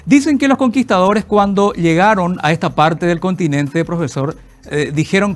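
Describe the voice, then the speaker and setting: Presentador paraguayo de voz algo aguda. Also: male voice, fairly high pitch. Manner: inquisitive, asks long framing questions. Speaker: TV host. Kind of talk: interview host.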